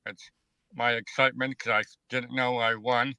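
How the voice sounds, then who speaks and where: Bright, upbeat male listener voicemail. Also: mid-range voice, flat delivery, normal speed, clean tone, dry recording, low-quality recording. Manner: upbeat, playful. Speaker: listener calling in. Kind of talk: voicemail message.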